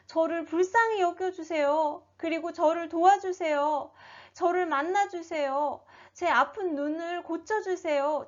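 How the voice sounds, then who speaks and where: A desperate blind beggar man calls out and begs in a high, tearful voice, as a woman puts him on. He sounds very high and strained, and the recording is dull and lo-fi. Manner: crying out, begging.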